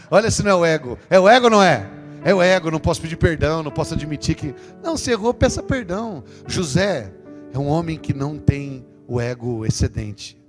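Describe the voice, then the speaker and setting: A man with a Brazilian Portuguese accent giving a parish sermon, lively and conversational, with jokes. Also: fairly high pitch, brisk. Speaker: lay preacher. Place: parish church. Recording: long church reverb with guitar music.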